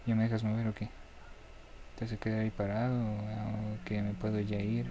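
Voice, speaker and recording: A young Mexican man narrates a horror game to himself, jittery and muttering. His pitch stays flat and narrow. The recording carries a steady noisy hiss. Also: moderate pace. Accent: Mexican Spanish. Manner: jittery, begging, talks to himself. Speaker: gaming YouTuber.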